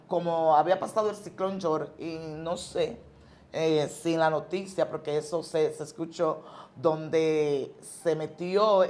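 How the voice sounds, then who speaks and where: A woman's voice: on the low side, a little mellow. A woman pastor from the tells a personal religious testimony, an emotional storyteller who repeats and restarts words.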